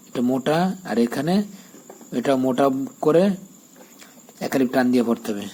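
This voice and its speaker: A man's voice: medium pitch, a little mellow, low-quality recording. Patient man teaching Quran recitation. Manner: spells out each letter and vowel mark, then chants the verse slowly and drawn-out; patient, checks in with the learner often. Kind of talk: step-by-step Quran recitation lesson.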